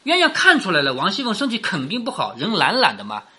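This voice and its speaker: A woman's voice: on the low side, wildly swooping pitch, fast talker, bright, forceful tone, slightly rough. A woman telling and explaining a classic novel in a chatty way, often asking rhetorical questions. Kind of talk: explanatory storytelling lecture.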